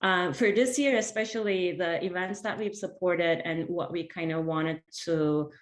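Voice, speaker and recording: A woman's voice: fairly low pitch, steady tone, measured pace. A woman co-hosting an online event with an informal introduction, hesitant and often rephrasing herself. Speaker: research center representative, event co-host. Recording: roomy, echoing video call audio.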